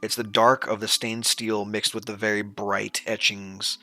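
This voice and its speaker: A man with a low, creaky voice runs a tabletop game as game master. He narrates casually and haltingly, with some swearing, in a bright, forward tone. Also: level tone, no echo.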